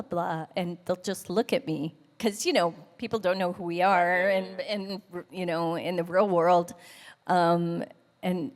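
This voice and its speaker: A female voice actor chatting with fans on a convention panel, casual and self-deprecating. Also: lowish voice. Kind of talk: live convention panel answers. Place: large convention hall. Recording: echoey convention hall.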